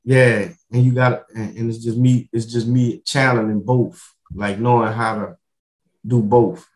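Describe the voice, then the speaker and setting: A man's voice: medium pitch, flat delivery, unhurried, echoey room, poor audio. A man chatting casually in street slang, circling back over his words and often adding bro, man and you know. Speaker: comedian, podcast guest.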